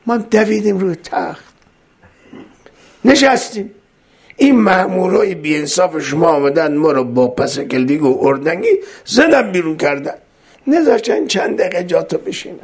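A man's voice: high-pitched, lively intonation, vocal fry, slightly rough, pitched above the performer's own voice, full character voice. A man voicing a grieving wise holy fool who tells the king a reproachful story.

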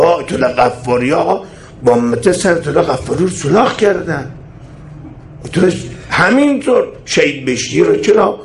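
A man's voice: medium pitch, echoey room. A man preaching an impassioned sermon, firing rhetorical questions and reciting scripture in a chant-like cadence. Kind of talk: religious sermon.

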